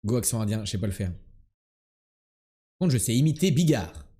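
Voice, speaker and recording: A man's voice: lowish voice, sing-song, brisk, dark tone, husky. A man streaming a geography guessing game, chatting and joking as he thinks aloud. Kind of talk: casual game-stream commentary.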